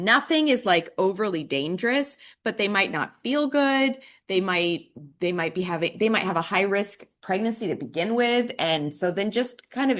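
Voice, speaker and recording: A woman teaching dental hygiene in a conversational lecture style, with frequent fillers and restarts. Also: mid-range voice. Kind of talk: recorded classroom lecture.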